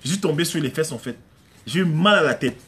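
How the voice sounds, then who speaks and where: A man's voice: on the high side, expressive, brisk, a bit bright, a little hiss or hum. A man preaching a conversational sermon at home, emphatic and repetitive, often acting out prayers and little dialogues. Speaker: pastor. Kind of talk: conversational live-streamed sermon.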